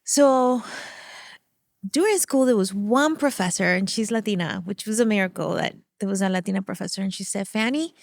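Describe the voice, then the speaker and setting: With some vocal fry in her medium-pitched voice, a middle-aged Venezuelan producer and CEO who speaks Spanish natively tells her story at normal speed during an interview, lively and laughing often. The audio is studio quality, with no echo.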